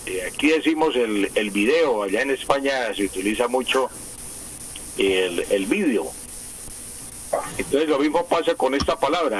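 A man's voice: medium pitch, a little hiss or hum. A man, a language expert on a live radio news show, explaining patiently with frequent hesitations and repetitions over a phone line. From Colombia. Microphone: phone line to the studio.

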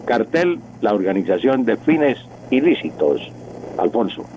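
A man's voice: medium pitch, lively intonation, unhurried, a little mellow, poor audio. An older man with a Colombian accent teaches correct usage on the radio. He talks in a patient, didactic way and repeats key words to drive the point home. A faint hiss of noise sits behind him. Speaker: language professor on radio. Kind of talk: radio language segment.

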